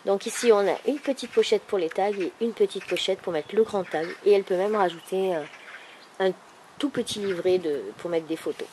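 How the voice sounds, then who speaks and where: A woman with a thick, swollen-tonsils sore-throat voice, speaking softly and casually as she presents a craft project. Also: mid-range voice, brisk. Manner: soft-spoken, holding back volume. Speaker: craft video maker presenting an album. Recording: clearly noisy background ambience.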